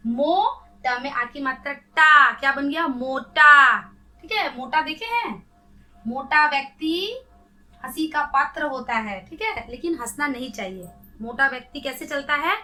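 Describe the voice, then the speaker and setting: A woman's voice: sits high, sharp tone. A woman teaching young children to read, sounding each syllable out patiently and asking them questions as she goes. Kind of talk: children's Hindi phonics lesson.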